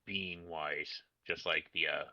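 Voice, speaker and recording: Bright, forceful low-pitched man. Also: fairly even intonation, slow pace, muffled recording. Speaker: tabletop game player. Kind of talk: casual chat.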